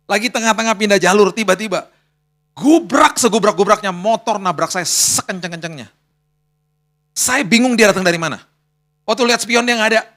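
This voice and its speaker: High, bright-toned man preaching as a pastor; casual storyteller who repeats his key phrases. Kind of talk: sermon.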